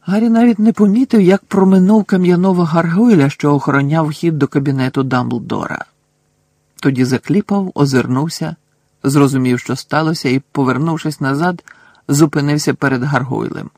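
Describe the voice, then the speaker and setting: A male audiobook narrator tells the story in a steady, measured way. His voice is gravelly and husky, and the recording is dry and close, with no room sound. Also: on the high side, no room sound. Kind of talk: scripted narration.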